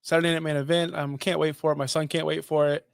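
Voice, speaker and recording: A man chatting casually on a livestream in a tired, low-key way. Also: level tone, fast, vocal fry, smooth, no room sound, clean studio sound. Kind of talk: casual chat.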